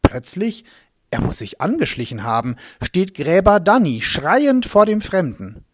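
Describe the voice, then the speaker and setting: A man's voice: high-pitched, very animated, a little slow, noisy background. A man playing a humble swineherd who tells his story in a reflective, vivid way. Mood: thoughtful. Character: humble male swineherd recalling a strange day. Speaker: first-person narrator. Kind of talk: dramatic storytelling monologue.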